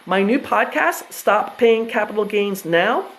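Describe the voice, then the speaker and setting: A woman's voice: mid-range voice, lively intonation, unhurried, rough recording. An American woman in her fifties giving a casual presentation on trusts, chatty and full of fillers and restarts. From United States. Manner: chatty, self-interrupting, with frequent fillers and restarts. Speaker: trust educator presenting to investors.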